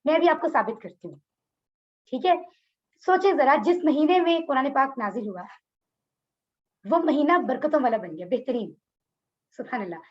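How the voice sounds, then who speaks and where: High-voiced woman teaching over a call. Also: lively intonation, normal speed, long pauses, muffled recording. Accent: Pakistani Urdu. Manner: explains word by word, repeats meanings, asks students questions. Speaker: Quran course teacher. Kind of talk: online class lecture. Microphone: video call.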